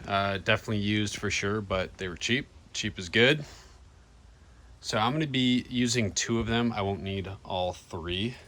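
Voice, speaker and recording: An American man with a fairly low, somewhat bright voice talks at a normal pace, walking viewers through DIY van upgrades in a casual, laid-back, plain-spoken way. He's a vlogger filming to camera, and the handheld recording is noisy, with vehicle sounds in the background.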